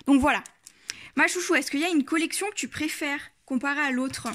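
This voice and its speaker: High-voiced woman hosting a craft vlog. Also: brisk, a bit bright. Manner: chatty, hesitant with many fillers. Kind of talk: casual crafting chat.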